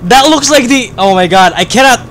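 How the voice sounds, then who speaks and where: A man with a high voice gives casual let's-play commentary, swearing freely and jumping between chatty asides and sudden yelling. Game noise and gunfire run loudly underneath his voice. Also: brisk. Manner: excitable, swearing, bursts into shouts and laughter. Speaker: gaming video host. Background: game sound effects and gunfire.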